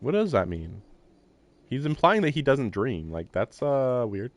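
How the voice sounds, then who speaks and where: Unhurried and sing-song, a medium-pitched male voice reads lines from a visual novel and thinks aloud, slipping in wry, self-mocking comments. It's a casual let's-play live stream with faint game music playing.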